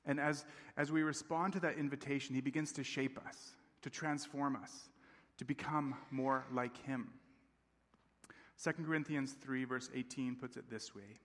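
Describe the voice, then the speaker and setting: A Tanzanian-raised campus pastor in his thirties gives a sermon at a normal speed, his mid-range voice fairly bright and his intonation fairly even. His manner is friendly and conversational, with frequent check-ins with the congregation. The large church sanctuary adds a long hall reverb.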